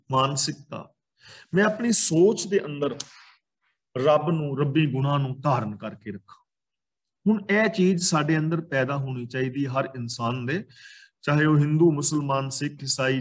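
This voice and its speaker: A man with a Punjabi accent explaining scripture in a calm way, pausing between short phrases. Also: medium pitch. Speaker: Sikh scripture teacher.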